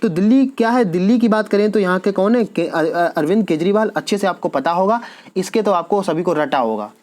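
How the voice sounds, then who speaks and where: A man's voice: high voice, animated, brisk, a little mellow. A man teaching an exam-prep lecture, posing quiz questions and answering them himself, repeating each key answer.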